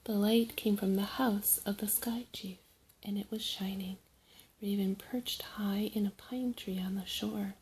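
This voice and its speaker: A woman storyteller narrating a trickster folk tale in short, deliberate phrases with dramatic pauses. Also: mid-range voice, fairly even intonation, a little mellow, slight background noise, low-quality recording.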